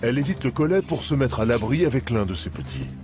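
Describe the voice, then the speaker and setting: A man's voice: mid-range voice, very animated, fast. A man reading scripted narration for a nature documentary. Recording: music behind the voice.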